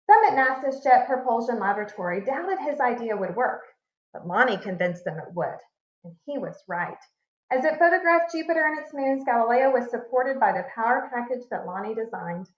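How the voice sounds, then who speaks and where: A woman's fairly high-pitched voice carries a children's picture book read-aloud in the manner of a teacher, deliberate and expressive, pressing on key words. Sound is a bit muffled, and the room is echoey.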